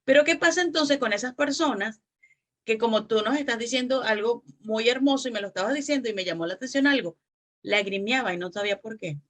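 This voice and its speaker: A woman's voice: fairly high pitch, brisk, a bit bright. Woman hosting a faith interview. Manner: affirming, brief backchannels. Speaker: interview host. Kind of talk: casual interview.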